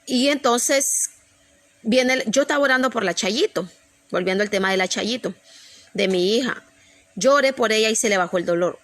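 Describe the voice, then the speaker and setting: A woman's voice: a little high, moderate pace. A woman preacher telling an emotional personal testimony to her congregation, earnest and repetitive, often restarting her sentences.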